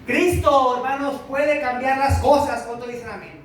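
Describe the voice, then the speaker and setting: A man's voice: extremely high pitch, moderate pace, distant mic, a crowd in the background. A man preaching a sermon as pastor, emphatic, asking rhetorical questions and calling for amens. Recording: echoey church hall from afar. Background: congregation responding.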